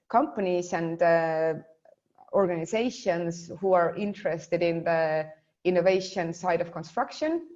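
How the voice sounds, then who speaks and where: A woman's voice: fairly low pitch, mellow, dull audio. A young woman from Estonia talking casually in an interview, full of fillers and restarts. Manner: chatty, many fillers and restarts.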